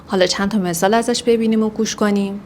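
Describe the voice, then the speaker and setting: A woman's voice: medium pitch, fairly even intonation, background noise. Persian-speaking woman teaching English phrases. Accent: Iranian. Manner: explains slowly, repeats phrases in English. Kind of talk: language lesson explaining phrases.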